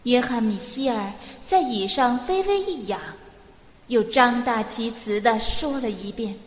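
A woman reads a novel aloud at an unhurried pace, measured and expressive. Her voice is high, and the recording rings with a long, echoey reverb. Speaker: narrator. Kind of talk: storybook reading.

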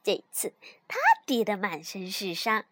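A woman telling a children's story in the first person, in an expressive, sighing way. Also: mid-range voice, a little slow, no echo.

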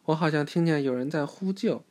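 Upbeat young explorer girl from a cartoon storybook, low-key dark tone, read by a woman. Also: fairly quick, lightly acted.

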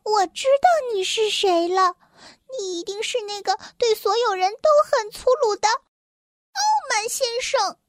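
A woman voicing a tiny mischievous male elf in a children's storybook, with a very high, squeaky, teasing voice. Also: measured pace, no room sound, studio quality. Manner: teasing, giggly. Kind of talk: storybook character voice.

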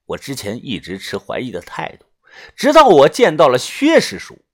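A man narrating a first-person novel as an audiobook, drawing out sentence particles in a storytelling manner. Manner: storytelling with drawn-out particles and lively pitch.

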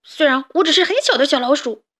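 A woman voicing a tiny, timid male mouse in a children's story, who speaks in shrill, indignant bursts. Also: normal speed, fairly bright tone. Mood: angry.

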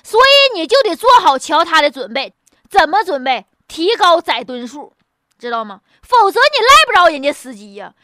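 A woman's voice: very high voice, big pitch swings, moderate pace, bright, forceful tone, no echo, clean studio sound. A woman with a Northeastern Chinese accent giving casual, humorous news commentary in a blunt, mocking, colloquial way full of rhetorical questions. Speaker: host.

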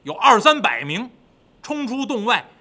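A man telling a classic tale in a lively, dramatic traditional storytelling style. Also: very high-pitched, unhurried.

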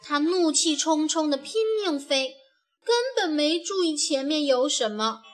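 Brief: a woman reading a children's story, gentle and expressive, slow and high, faint music behind. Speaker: narrator.

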